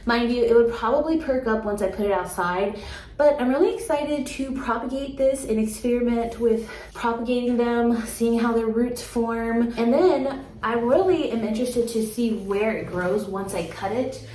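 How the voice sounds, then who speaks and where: Woman, houseplant vlogger, casual and chatty, fairly high pitch, roomy echo. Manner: chatty and excitable, talks to her plant. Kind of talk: casual chat to camera. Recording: echoey room with faint background noise.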